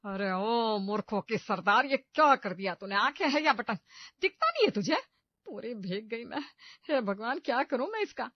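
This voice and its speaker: A woman voicing a short-tempered middle-aged mother-in-law who loudly scolds and insults her daughter-in-law, on a dull lo-fi cartoon track. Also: medium pitch, normal speed, dry recording, close to an everyday voice. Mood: furious. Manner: shouting insults, loud and scolding. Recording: dull, dry lo-fi voice-over.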